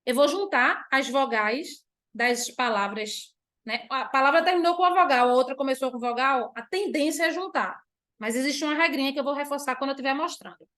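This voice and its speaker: High-voiced Brazilian woman teaching. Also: a bit bright. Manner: patient, explanatory, answers her own rhetorical questions; drawn-out stressed words when demonstrating. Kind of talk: online class lecture.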